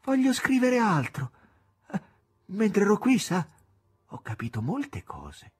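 A man's voice: slow, breathy edge, exaggerated voice. A man reading an audiobook, voicing an earnest, agitated young male poet in a raised, pleading voice. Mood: eager. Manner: excited, pleading, rising to high pitch.

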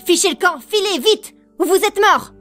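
A woman's voice: fairly high pitch, brisk, soft background music, pitched above the performer's own voice, lightly acted. A woman voicing a mysterious teenage girl who speaks in a cool, commanding and teasing way. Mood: shrieking.

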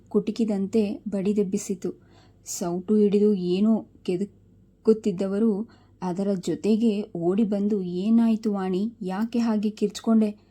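Woman narrating in a dark, even voice. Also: mid-range voice. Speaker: storyteller. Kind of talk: scripted narration.

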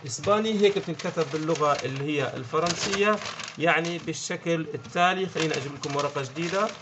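A man's voice: on the high side, quick pace, background noise. A man with a Levantine Arabic accent teaching French in an explanatory lesson, often checking in and repeating key words. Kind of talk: online language lesson.

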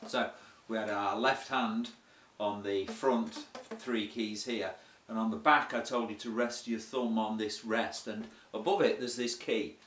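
A man's voice: fairly low pitch, steady tone, measured pace, fairly bright tone, a little hiss or hum. A man teaching a casual saxophone lesson, chatty and self-deprecating, explaining step by step. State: has the hiccups. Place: room with a board. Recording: roomy echo, heard from a distance.

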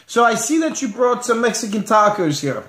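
A middle-aged man hosting a homemade sports picks show in a casual, informal chatting style, with pauses between phrases. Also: very high voice, very animated, fairly bright tone. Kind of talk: casual comedic show chat. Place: living room at home. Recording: roomy home webcam sound.

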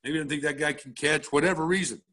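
This middle-aged coach talks fast in a slightly high voice that sounds pushed and bright. At a coaching clinic he walks through game film bluntly and casually, frequently tossing in "all right?"

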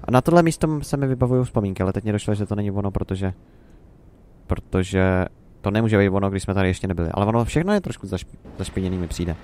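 A man's voice: fairly low pitch, darkish tone, slight background noise. A young Czech man rambling and musing to himself in casual gameplay commentary. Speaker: let's play commentator.

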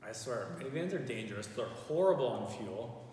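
A man's voice: medium pitch, lively intonation, a little fast, darkish tone, distant mic, a little hiss or hum. A young man chatting casually and jokingly as a channel host, reading out comments and often laughing. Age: young adult. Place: indoor pool room with stone walls. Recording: echoey, reverberant room, off mic.

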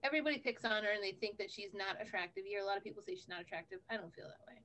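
A woman's voice: medium pitch, rapid-fire, fairly bright tone, a little hiss or hum. A woman co-hosting a podcast, chatting casually with opinionated asides. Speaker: podcast co-host. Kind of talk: casual chat.

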